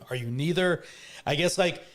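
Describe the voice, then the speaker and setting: A man's voice: on the high side, measured pace, fairly bright tone. A male moderator welcoming guests to an online panel in an enthusiastic, friendly way.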